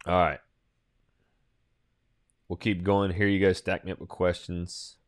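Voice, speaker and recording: An energetic real estate agent talks straight to his listeners, punchy and salesy, with plenty of fillers. His voice sits low and deep. The sound is close and dry, with no room to it. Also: unhurried, no room sound. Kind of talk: casual webinar talk answering questions.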